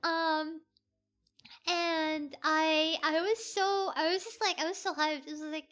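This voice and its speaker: Very high, bright excitable streamer voice. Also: slow pace. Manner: excitable, rambling, giggly storytelling. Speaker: VTuber streamer. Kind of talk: casual livestream chat.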